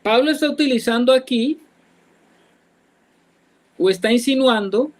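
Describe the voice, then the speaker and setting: A Colombian man with a notably high voice leads a church Bible study. He explains each verse patiently and keeps putting questions to his listeners. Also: unhurried, poor audio. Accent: Colombian Spanish. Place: church, class also joined online.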